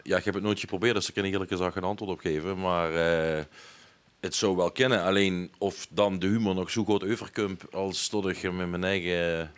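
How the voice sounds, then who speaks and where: A man's voice: sits low, steady tone, brisk, clear, resonant tone. A man with a Limburg accent answering casually as a panelist. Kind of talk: casual discussion.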